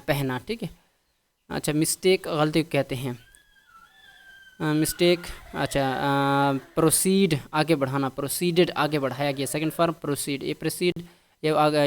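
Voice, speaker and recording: A man's voice: on the high side, smooth. A man with a Pakistani accent teaching English vocabulary, patiently repeating each word with its meaning. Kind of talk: vocabulary lesson.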